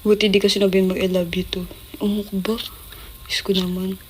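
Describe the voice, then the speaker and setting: A young woman chats on a livestream in a mid-range voice, laughing between stories. She acts out quoted lines in a raised, animated voice. Faint background noise sits under the recording. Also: mid-range voice, brisk. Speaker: idol group member on a livestream. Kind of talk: casual livestream storytelling.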